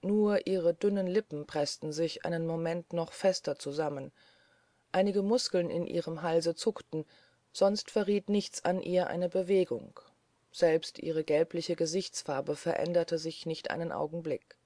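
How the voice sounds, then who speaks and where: An audiobook reader narrating a courtroom story in an even, steady way. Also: medium pitch, a little slow, no echo. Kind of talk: scripted narration.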